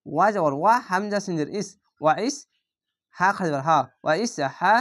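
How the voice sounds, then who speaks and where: A man teaching Quran reading, patiently spelling out each letter and vowel mark and then drawing out the Arabic words slowly. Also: sits high, fairly bright tone. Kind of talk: spelling-out Quran recitation lesson.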